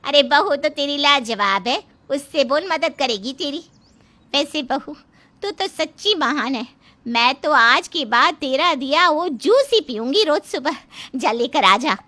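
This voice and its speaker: A gossipy middle-aged neighbor auntie, high and bright, her voice swooping up and down as she gushes , played by a woman. She chatters eagerly in a family drama. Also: expressive, a little slow, heavily acted. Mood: gushing. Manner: gushing, gossipy.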